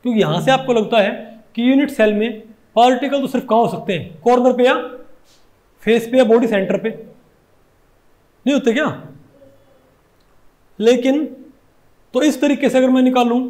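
A man with a Hindi accent and a strikingly high voice lectures on chemistry. He keeps asking his class rhetorical questions and goes over each point again and again. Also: a little mellow. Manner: asks constant rhetorical questions, repeats points. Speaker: chemistry teacher.

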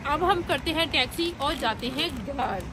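A woman's voice: high-pitched, lively intonation, unhurried. A young woman from Pakistan, chatty and upbeat, narrating a casual vlog to a phone held at arm's length on a city street at night. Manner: chatty, upbeat, talks straight to camera. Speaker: vlogger. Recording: loud street noise.

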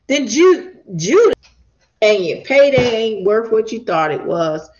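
A woman gives an unhurried Bible teaching, her pitch rising and falling widely as she reads scripture and breaks in with asides and praise. The recording sounds dull and lo-fi. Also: big pitch swings, darkish tone. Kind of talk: scripture reading and sermon teaching.

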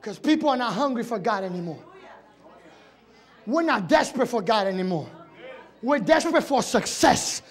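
A male evangelist with a strikingly high voice preaches to a congregation. He moves between Spanish and English, and he climbs from low, confiding talk into fervent, shouted appeals. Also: sing-song, measured pace, pauses often, a faint crowd. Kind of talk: impassioned sermon. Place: church service.

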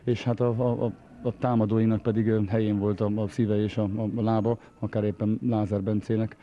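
A man speaks as a coach in an interview, hesitating and repeating words. His low voice stays fairly even, with slightly dull sound. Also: slight background noise. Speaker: football coach being interviewed. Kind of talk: post-match interview. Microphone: handheld interview microphone.

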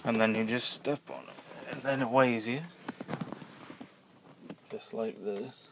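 Dude doing a casual halting review, mid pitch, bit of background noise, homemade tablet audio. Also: male voice, fairly even intonation, creaky. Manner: plain-spoken, informal, halting. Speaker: amateur YouTube product reviewer. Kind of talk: casual unscripted product demo. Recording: noisy homemade tablet recording, uneven level.

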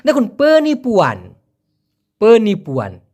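Patient teacher drilling phrases slowly. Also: mid-range voice, huge pitch swings, a little mellow. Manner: says foreign phrases very slowly and repeats them; coaxing, keeps saying please and brother to viewers. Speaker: Malay language teacher. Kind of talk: video language lesson.

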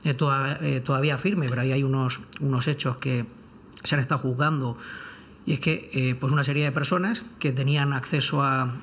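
A lawyer on a discussion panel gives unscripted legal commentary in a round-table debate, his voice medium-pitched and a bit bright. He chooses careful, formal phrases and hesitates often.

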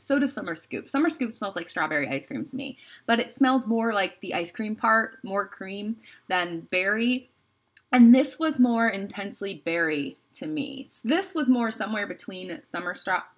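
Young woman, bright tone, rambly haul-vlog talker, recorded at home on the camera mic. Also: mid-range voice. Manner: chatty, rambling, lots of "like" and trailing off. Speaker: candle haul vlogger. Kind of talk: casual haul review to camera. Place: indoors, home room.

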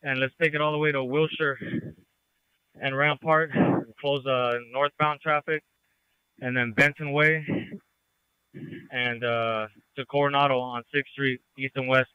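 A man's voice: medium pitch, little pitch movement, a little slow, clear, resonant tone, no echo. A male police officer giving clipped, directive status reports from the field over a police radio. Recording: dull lo-fi police scanner radio.

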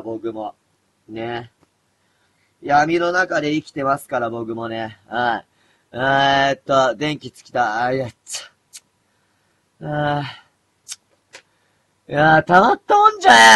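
Rough-talking man in his thirties. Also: slight background noise. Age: 30s. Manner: rough, mumbling, swings between loud outbursts and low muttering. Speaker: live streamer. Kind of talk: casual late-night live stream chat. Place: dim room at home.

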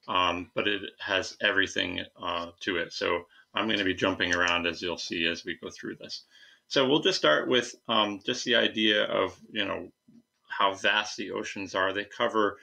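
A young man gives an informal science lecture in a low voice with some fry in it. He explains in a halting, conversational way, talking students through his slides. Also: sharp tone. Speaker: science teacher. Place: indoors, recorded at a computer.

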